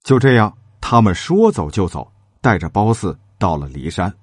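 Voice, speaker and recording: A man telling a traditional tale with lively, dramatic delivery. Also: moderate pace, husky, no room sound. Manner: lively, dramatic, shifting pitch for characters. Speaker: storyteller. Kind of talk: storytelling narration with acted character lines.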